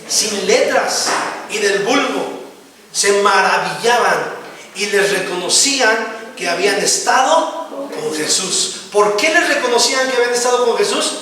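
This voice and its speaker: High-voiced emphatic preacher in echoey hall. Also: male voice, a little slow, sharp tone. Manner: emphatic, rhetorical questions, frequent "verdad?" and "amén". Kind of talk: sermon. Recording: echoey hall, distant mic, faint noise.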